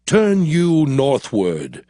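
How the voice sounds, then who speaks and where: A heavily acted Moses comes from a man with a mellow, mid-range voice whose pitch swoops wildly, though his recounting remains slow, solemn, and dramatic. The aged prophet-leader's scripture narration is recorded in a studio over music, with no room sound.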